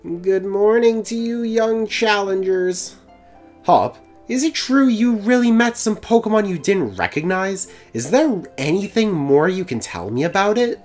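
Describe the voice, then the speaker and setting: A man voicing an elderly, proper woman professor in a put-on British accent, with drawn-out, plummy phrasing. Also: high-pitched, very animated, soft background music, pitched above the performer's own voice. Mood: formal.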